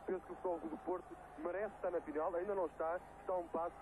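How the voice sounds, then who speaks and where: A man's voice: sits high, steady tone, very fast. A man with a European Portuguese accent giving unscripted match analysis as co-commentator on a noisy old broadcast. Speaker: football co-commentator. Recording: noisy old broadcast over stadium ambience.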